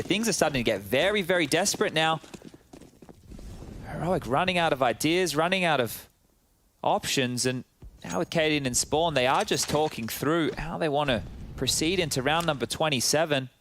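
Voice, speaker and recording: A man's voice: on the high side, animated, a little fast, fairly bright tone, faint music behind. A man giving live esports commentary as an analyst co-caster, conversational and checking in with tag questions.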